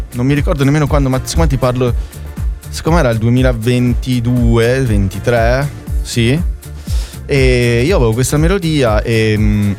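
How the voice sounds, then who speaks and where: A man's voice: medium pitch, a little mellow. A man from Italy speaking as a guest musician in a casual interview, often checking with little tag questions.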